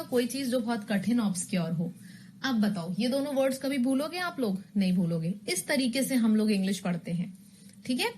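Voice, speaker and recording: A woman's voice: a little high, slight background noise. A woman teaching English in a recorded online exam-prep lesson. She explains rules with memory tricks and keeps asking her students questions.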